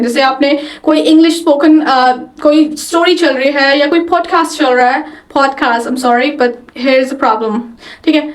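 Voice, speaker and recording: Young woman from delhi, indian english accent, high voice, chatty encouraging vlog talk, keeps restarting sentences. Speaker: beginner vlogger teaching spoken English. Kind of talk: casual talking-to-camera vlog.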